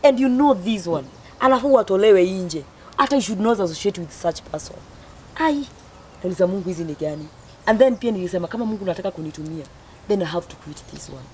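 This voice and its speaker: A woman's voice: mid-range voice, expressive, fast talker, darkish tone. A young woman with a Kenyan accent telling personal stories casually, switching between Swahili and English. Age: young adult. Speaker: guest, comedian. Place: outdoor garden. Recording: clearly noisy outdoor ambience.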